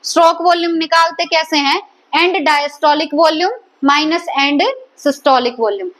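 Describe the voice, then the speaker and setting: A woman's voice: high-pitched, fairly even intonation, moderate pace, fairly bright tone. A woman teaching a biology lecture, repeatedly quizzing her students and echoing their answers. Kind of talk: classroom lecture.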